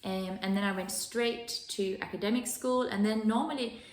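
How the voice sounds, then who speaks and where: A Danish wellness coach and host sits on a living room sofa introducing herself and sharing her own story. Her medium-pitched voice is steady at a normal speed, earnest and enthusiastic though full of fillers and restarts, and the room gives a noticeable echo.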